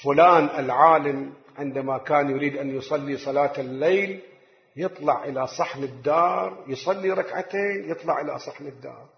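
A man preaching a sermon, his voice sitting fairly high. He drawls out recited verses and rushes through casual asides. The recording is echoey and dull, with a lo-fi tone. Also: vocal fry. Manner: slows to recite scripture, quick asides in dialect. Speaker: cleric. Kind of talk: religious sermon.

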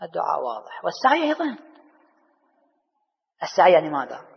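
Man, preacher, religious sermon, high and animated voice, rhetorical questions, long echo, muffled recording. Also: quick pace, creaky. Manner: rhetorical questions answered himself, swinging between soft and loud. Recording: dull hall recording with long reverb.

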